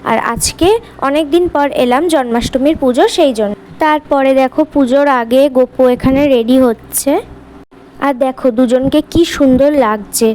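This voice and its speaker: A woman vlogger with a high, light voice narrates her day in a chatty voice-over. She talks right to her viewers. A faint hum of background noise sits under the recording. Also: moderate pace, darkish tone, low-quality recording. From Kolkata, India. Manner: chatty, speaks straight to viewers. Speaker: lifestyle vlogger.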